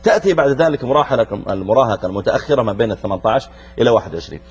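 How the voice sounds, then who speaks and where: Speaking rapid-fire in a husky, darkish, medium-pitched voice, a middle-aged Saudi man hosts a youth show as a preacher. He is expressive and lively, turning to his young audience to ask them questions. The sound is dull.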